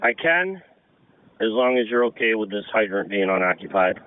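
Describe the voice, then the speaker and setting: A man's voice: fairly low pitch, lively intonation, normal speed, smooth. A man working as a firefighter, exchanging short operational messages over a two-way radio. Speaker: firefighter handling a hydrant. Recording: tinny, noisy two-way radio, vehicle sounds.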